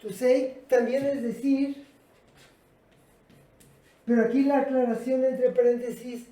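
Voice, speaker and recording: A woman teacher gives a patient, step-by-step classroom lesson, talking straight to her students. Her voice is dark and mellow yet sits fairly high. The sound is roomy and echoey. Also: level tone, a little slow. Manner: patient, explanatory, addresses students directly. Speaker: English teacher.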